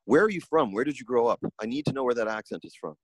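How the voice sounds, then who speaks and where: A man from New York, a political reporter, answering in a measured, wordy and dryly wry way. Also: mid-range voice, expressive, a little mellow, husky, no room sound. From New York, USA. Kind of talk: interview answers.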